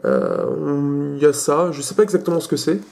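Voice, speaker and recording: A young man with a fairly high voice hosts a casual tech demo in French. He hesitates often, filling gaps with short pauses and restarting his sentences as he clicks through menus. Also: huge pitch swings, creaky, a little mellow. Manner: hesitant, many fillers and restarts. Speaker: tech video host.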